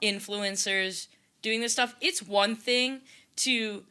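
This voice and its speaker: A woman's voice: mid-range voice, takes it slowly, pushed and bright, clear, resonant tone. A woman co-hosting a podcast in casual chat, blunt and opinionated. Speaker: podcast co-host.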